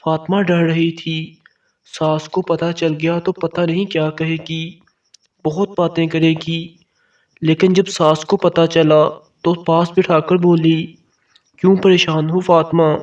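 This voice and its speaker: A man narrating a scripted moral story in a steady, even storytelling voice. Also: a little high. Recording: dull, distant mic sound.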